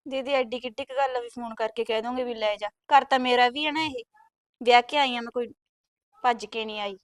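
A woman's voice: fairly high pitch, fairly even intonation, brisk, no echo, clean studio sound, close to an everyday voice. An actress with a Punjabi accent playing a newly married young wife who defends herself against her sister-in-law. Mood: defensive. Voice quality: pleading, defensive. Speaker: actor in a family web drama.

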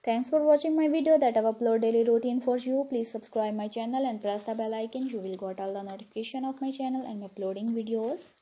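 A woman's voice: fairly high pitch, steady tone, fast talker, hardly any pauses, warm tone, slightly rough. A woman narrating a showcase as a channel host, in effusive, repetitive phrasing.

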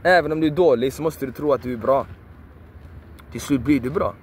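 Guy ranting outdoors, repeats himself a lot, preachy and emphatic, bit of traffic noise. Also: medium pitch. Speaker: video creator. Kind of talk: passionate motivational monologue.

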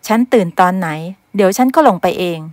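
A woman's voice: mid-range voice, fairly quick, dry recording, lightly acted. A woman voicing an aloof rich young man who scolds his maid in short, curt lines. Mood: curt scolding.

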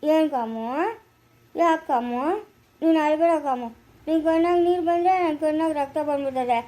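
A woman with a rural Karnataka Kannada accent playing a meddlesome village woman who goads and teases with quick jibes in an amateur family skit. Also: high voice, warm tone, a little hiss or hum, close to an everyday voice. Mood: teasing. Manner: teasing, goading, quick jibes.

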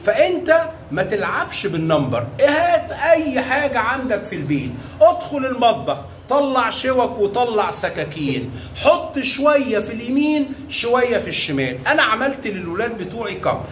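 High-voiced Egyptian man teaching small children. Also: very animated, moderate pace. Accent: Egyptian Arabic. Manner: coaxing, showers children with praise and pet names. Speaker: primary school math teacher. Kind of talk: classroom teaching with young children. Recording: echoey room, faint background noise.

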